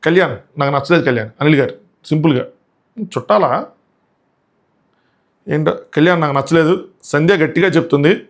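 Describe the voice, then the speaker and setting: A high-pitched man casually reviews a TV show, mixing in English phrases and acting out other people's quotes.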